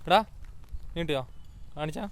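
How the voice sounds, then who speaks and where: A man's voice: fairly high pitch, normal speed. A man, chatting casually and teasing his friends while filming a fishing trip outdoors by the ponds.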